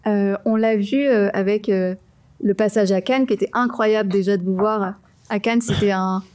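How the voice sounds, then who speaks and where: A woman hosting an interview, asking questions in a halting way with fillers and often murmuring agreement. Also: medium pitch, fairly even intonation, darkish tone. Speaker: interview host. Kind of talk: casual interview chat.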